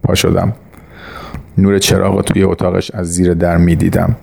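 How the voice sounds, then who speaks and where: Male storyteller for an audiobook; deep, creaky, monotone, measured. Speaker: narrator. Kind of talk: audiobook narration of a short story.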